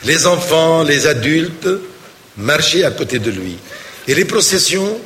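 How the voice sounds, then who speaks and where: A priest's voice, slightly raised in pitch, tells stories from the pulpit. He carries his sermon with lively storytelling. A roomy church hall gives it a long reverb over faint ambience. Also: unhurried, slight background noise. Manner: storytelling, animated.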